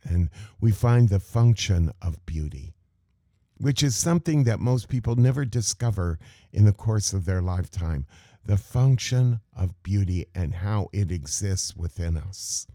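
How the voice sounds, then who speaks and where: A man teaching meditation in a contemplative spiritual talk, measured and full of rhetorical questions. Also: fairly low pitch, expressive, dark tone, no echo, studio quality.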